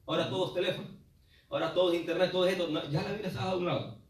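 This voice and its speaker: A man pastor preaching a sermon, swinging between loud cries and low asides and often calling the congregation brother. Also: fairly even intonation, very fast, distant mic. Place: church sanctuary. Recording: echoey church hall, preacher off the mic.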